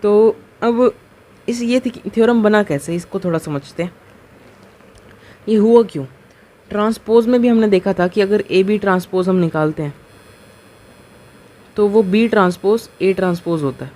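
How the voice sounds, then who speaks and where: A man's voice: sits high, darkish tone. Patient man lecturing step by step. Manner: keeps asking rhetorical questions and checking with "ok?"; patient and step-by-step, slowing on key terms. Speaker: maths teacher. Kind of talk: board lecture explaining a proof.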